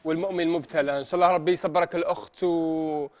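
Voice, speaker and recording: A young man with an Algerian accent hosts a TV phone-in, offering consoling words. He speaks very rapidly in a slightly high voice. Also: fairly even intonation, crowd noise. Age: young adult. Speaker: TV phone-in host. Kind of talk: consoling a caller. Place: TV studio. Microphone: lapel mic.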